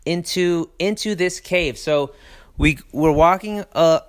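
A man's voice: a little high, slow. A man chatting casually and enthusiastically about a trip, rambling with fillers and restarts. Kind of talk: casual travel chat.

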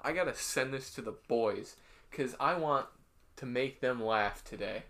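A man's voice: medium pitch, a little slow, fairly bright tone. A young man co-hosting a podcast, chatting casually and teasing his friend. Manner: teasing, joking banter. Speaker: podcast co-host. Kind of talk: casual chat.

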